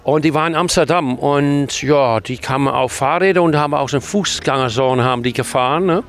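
A longtime festival regular from the Netherlands tells a story outdoors at a festival in a casual interview, his Dutch accent clear. He has a mid-range voice and brisk pace, often ends sentences with a tag question, and there's slight background noise.

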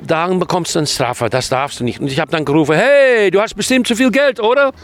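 A man from the Netherlands with a Dutch accent, chatting outdoors at a festival and telling a story, often ending sentences with a tag question. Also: fairly high pitch. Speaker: longtime festival regular. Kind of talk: casual storytelling interview.

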